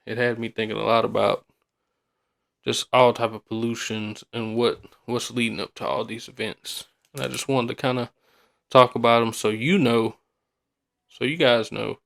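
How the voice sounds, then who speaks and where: A man's voice: medium pitch, creaky, a bit bright. A man hosting a podcast in a casual, rambling, colloquial way, often repeating himself. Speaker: podcast host.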